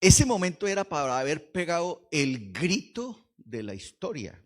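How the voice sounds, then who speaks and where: A pastor preaches a lively Pentecostal sermon in church, swinging from hushed asides to shouts and quizzing the congregation. His voice is a little high and his pace measured.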